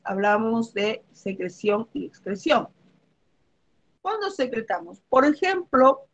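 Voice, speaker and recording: A woman explains biology in an online review class, leaning on everyday examples. Her voice has a gravelly fry to it, and the recording sounds dull and lo-fi. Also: mid-range voice. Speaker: biology teacher.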